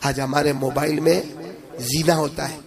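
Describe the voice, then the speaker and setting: A man's voice: a little high, little pitch movement, creaky, a crowd in the background. A man preaching an emotional religious sermon, rising into chanted passages and putting questions to the audience. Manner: addresses the audience directly with questions.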